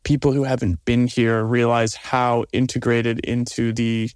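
Man from the United States, interview guest, measured explaining tone, dry wit, mid-pitched voice, dry close sound. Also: little pitch movement, a little mellow, smooth, no echo. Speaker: guest, social media commentator. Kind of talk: casual interview conversation.

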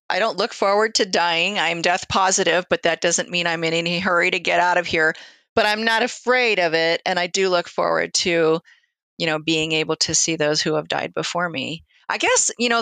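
A woman with a bright, slightly low voice talks conversationally as a hospice nurse. She tells anecdotes reflectively and voices the exchanges she quotes. The sound is close and dry. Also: no room sound. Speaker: hospice nurse, interview guest. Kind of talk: conversational storytelling.

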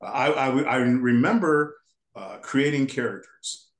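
Older interview guest from the United States, mid-pitched voice, meandering storyteller, roomy reverberant recording. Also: male voice, slow pace. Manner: rambling, restarts sentences often. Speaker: guest, character designer. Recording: echoey room.

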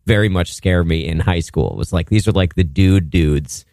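A man tells a casual comic story. His voice is on the low side and recorded dry, and he talks in a halting, self-deprecating, conversational way. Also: a little mellow, dry recording.

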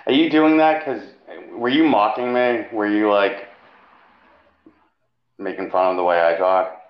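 A man with a low, monotone voice co-hosts a casual podcast. His track sounds dull and lo-fi, as if the highs were cut off. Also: measured pace, reverberant. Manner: flat, monotone delivery. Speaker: podcast co-host. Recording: dull lo-fi recording.

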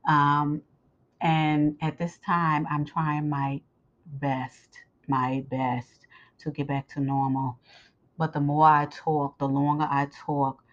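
A woman with a scratchy, sore, swollen-sounding throat, speaking haltingly and with effort as she gives her listeners an informal update as host. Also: low voice, level tone. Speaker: host of Bible lessons. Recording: muffled, dull lo-fi sound.

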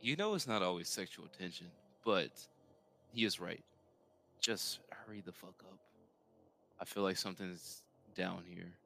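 A man's voice: low-pitched, lively intonation, measured pace, vocal fry, bright, forceful tone. A man playing a tabletop game, cracking jokes and teasing the others. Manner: teasing, wisecracking. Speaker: player. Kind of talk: casual tabletop chat.

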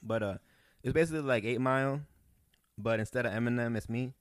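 A young man from Peru, a comedian, telling rambling, animated stories in a casual podcast chat. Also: medium pitch, a little fast, dry recording, studio quality. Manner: rambling, animated storytelling with restarts. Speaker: guest comedian.

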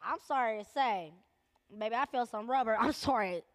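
A woman's voice: on the high side, normal speed. A woman on a podcast panel, sassy and playful, often laughing as she speaks her mind. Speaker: panel guest. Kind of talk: casual podcast banter.

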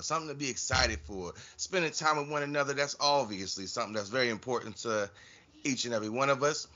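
A man's voice: medium pitch, bright, forceful tone, lo-fi sound. A man hosting a casual podcast, addressing listeners directly. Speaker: podcast host.

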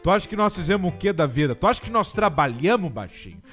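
A male co-host with a fairly high, very animated voice. He banters jokily in southern Brazilian slang and accent, over background music. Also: quick pace. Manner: jokey, slangy. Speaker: podcast co-host. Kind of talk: casual banter.

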